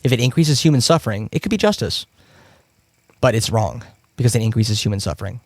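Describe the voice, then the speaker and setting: A man from Kentucky argues back in a live debate and leans hard on each point. His pitch rises and falls widely as he presses his case. The recording is dry and close. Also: expressive, fast, darkish tone, no echo. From Kentucky, USA. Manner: emphatic, argumentative. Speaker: debate guest.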